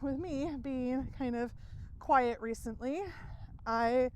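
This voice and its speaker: Woman, middle-aged, slightly raised pitch, slightly out of breath, casual walking vlog, outdoors, filler words. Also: slow pace, a little mellow, slight background noise. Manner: talks loosely with fillers and small laughs. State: a little out of breath. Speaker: success coach. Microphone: headphone mic, then phone mic.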